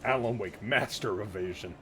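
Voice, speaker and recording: A man's voice: lowish voice, fairly quick, fairly bright tone, faint music behind. A man giving casual, wry let's-play commentary while playing a game. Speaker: gameplay commentator.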